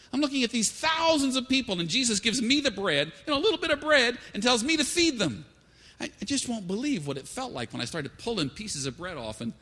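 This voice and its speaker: A grieving, wonder-struck disciple, played by a preacher in a man's voice, recounting miracles in an eager first-person telling. The voice rides high and swings widely, and it rings out in a reverberant hall. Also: full character voice. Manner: excited storytelling, first-person dramatic retelling. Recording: echoey hall.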